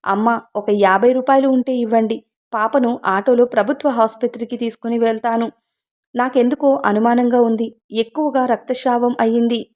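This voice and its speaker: A woman's voice: fairly high pitch, steady tone, normal speed, darkish tone, close to an everyday voice. A woman voicing a poor laborer father who speaks in a pleading, anxious way.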